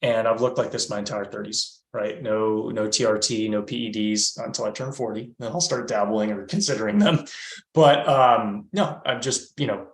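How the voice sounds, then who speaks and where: A man's voice: on the low side, normal speed, echoey room. A man in his thirties, a fitness coach talking in a podcast interview, explaining emphatically and checking in with "right?". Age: 30s.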